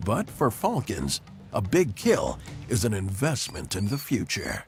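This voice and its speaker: A man reading scripted nature documentary narration with measured, dramatic phrasing. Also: fairly low pitch, wildly swooping pitch. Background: background music.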